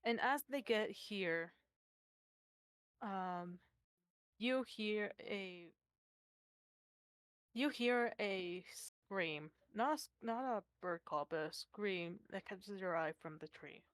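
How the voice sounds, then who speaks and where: Woman game master, slow and halting, lots of ums, dry close sound. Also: medium pitch, dry recording. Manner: slow, halting narration with many fillers. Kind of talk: narrating a tabletop game.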